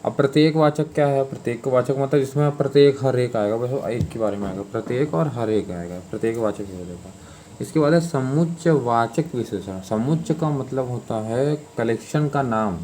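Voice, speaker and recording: A man's voice: medium pitch, moderate pace, dark tone, a little hiss or hum. Casual male teacher explaining grammar. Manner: informal, repetitive explaining with many fillers and "ठीक है". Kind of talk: exam-prep grammar lesson.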